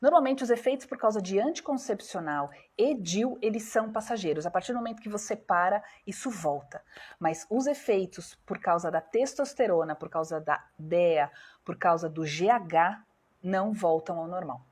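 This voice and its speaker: A woman with a Brazilian Portuguese accent talks through a live stream as a doctor, her voice a little breathy and middle in pitch. She explains patiently and poses questions to her viewers before answering them herself. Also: expressive, normal speed, darkish tone.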